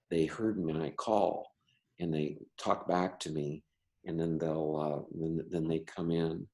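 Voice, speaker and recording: A man's voice: low-pitched, darkish tone. A man who stutters, an artist and teacher talking casually in an interview, with many restarts and repeated words. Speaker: member artist.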